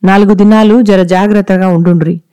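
A woman voicing a calm male village doctor with a Telangana accent. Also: medium pitch, a little fast, smooth, dry recording, lightly acted. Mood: matter-of-fact. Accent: Telangana Telugu.

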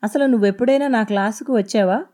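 A man's voice: high voice, fast, a little mellow, natural voice. A woman reading the lines of a stern, irritated male university professor in a spoken story. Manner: scolding, serious.

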